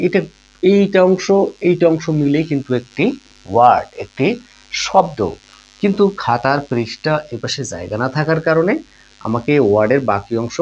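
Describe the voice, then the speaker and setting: A man's voice: mid-range voice, a little hiss or hum, poor audio. A man teaching a grammar lesson, patiently explaining rules with examples and often calling his listeners friends. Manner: patient, repeats key points, addresses listeners as friends.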